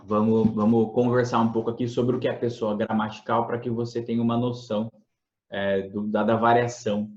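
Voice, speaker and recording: A man gives a relaxed grammar lesson at a middle pitch, with many fillers and restarts, and keeps checking that the listener follows along. His voice sits in a roomy space. The sound is a little dull. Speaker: English teacher. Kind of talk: explanatory lesson.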